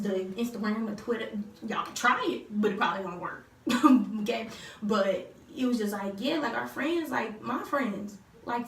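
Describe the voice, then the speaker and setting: An eighteen-year-old woman casually telling viewers her love story, chatty and full of fillers, acting out what others said. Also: a little high. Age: teens. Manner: chatty, lots of fillers, acts out quotes. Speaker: vlogger telling a couple's story. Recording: roomy echo, distant mic, faint noise.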